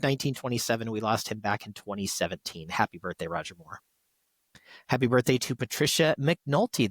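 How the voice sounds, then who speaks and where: A podcast host, a man with a medium-pitched voice, reads out tributes in a conversational, stop-and-start manner, tossing in casual asides. There's no room sound.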